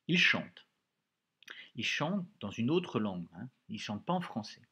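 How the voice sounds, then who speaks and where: A man's voice: mid-range voice, very animated, moderate pace, breathy edge. A male teacher leading a reading lesson for pupils, explaining words patiently and repeating phrases.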